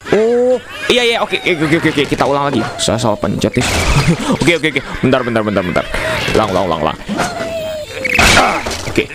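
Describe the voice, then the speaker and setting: A young man casually commentating a video game, excitable, exclaiming and laughing often while talking to his viewers. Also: medium pitch, normal speed, very noisy. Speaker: gaming YouTuber. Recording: loud game music behind voice.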